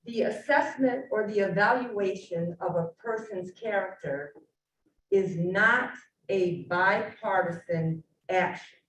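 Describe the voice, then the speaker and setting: A woman, a teacher, giving an earnest, measured public comment to a county legislature. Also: medium pitch, fairly bright tone. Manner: earnest, measured, pleading questions. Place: county legislature meeting room. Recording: echoey room from a distant mic, faint noise.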